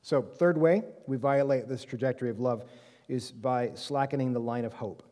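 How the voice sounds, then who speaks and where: A man with a mellow, warm voice teaches a study group in a relaxed, conversational lecture. He keeps checking in with "right?" and "okay?" and fills pauses with "um" as he works through his points. His voice carries a long reverb from the hall around him. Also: medium pitch. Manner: frequent "um" fillers and self-corrections. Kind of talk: classroom lecture. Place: reverberant room with a live group.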